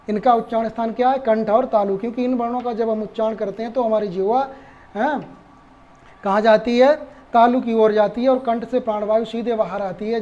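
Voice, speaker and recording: एक पुरुष शिक्षक जो धैर्य से पाठ समझाता है, बातें दोहराता है और खुद से सवाल पूछता है।. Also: male voice, sits high, mellow, dull audio. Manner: patient, repeats points and asks rhetorical questions. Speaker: Sanskrit teacher. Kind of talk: explaining lesson.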